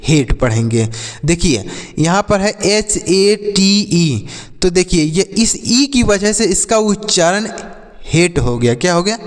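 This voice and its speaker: A man with a fairly high voice teaches pronunciation in a classroom style. He spells words out letter by letter, poses a question and answers it himself, and speaks to viewers as dear children. His voice carries a long, hall-like reverb. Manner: slow, spelled-out explanations with call-and-response questions to himself. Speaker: English teacher.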